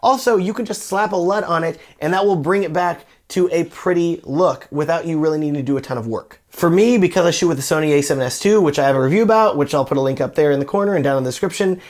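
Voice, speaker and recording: A man's voice: on the high side, quick pace, few pauses, a little mellow. Chatty enthusiastic guy reviewing camera gear. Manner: enthusiastic, chatty, direct to viewer. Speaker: wedding filmmaker reviewing gear. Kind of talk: casual product review.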